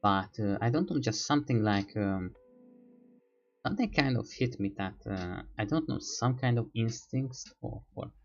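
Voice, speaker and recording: A man's voice: medium pitch, expressive, moderate pace, lo-fi sound, soft background music. A man streaming, telling a rambling casual story in non-native English, hesitant and full of fillers as he searches for words.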